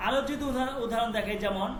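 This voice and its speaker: Brief: high female teacher voice, patient, repeats and checks, roomy echo, faint hiss. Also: racing. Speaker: Persian language teacher. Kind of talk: online class lesson.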